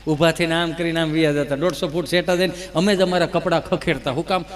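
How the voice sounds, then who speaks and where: High-voiced folk comedian. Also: male voice, steady tone, fast. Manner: folksy, teasing the audience. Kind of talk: stage comedy monologue.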